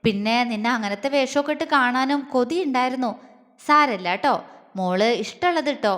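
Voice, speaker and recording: A woman voicing a doting older man who speaks softly and coaxingly to his young wife, with a long reverb on the voice. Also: high voice, expressive, brisk. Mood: tender. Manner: soft, coaxing, affectionate.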